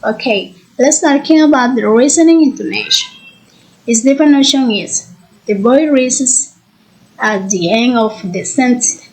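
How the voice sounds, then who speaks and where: A woman presents to her class, reading haltingly from her notes. Her voice is a little high, and she speaks at an unhurried, slow pace. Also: a little mellow, low-quality recording. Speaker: student presenter.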